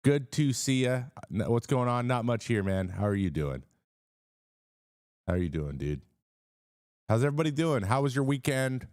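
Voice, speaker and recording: Low-voiced man rambling on a live stream. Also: sing-song, moderate pace, pauses often, a little mellow, dry recording, studio quality. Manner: rambling, lots of fillers and restarts, greets chat viewers. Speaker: host of a sports live stream. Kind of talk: casual live-stream chat.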